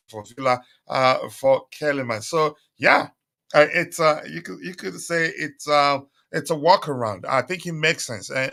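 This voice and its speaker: A mid-range, gravelly male voice with a bright, forceful tone belongs to a host running a casual live stream. He chats with viewers, reads their comments, and uses many fillers, asking for likes over and over. His voice is a little strained and on the road to recovery.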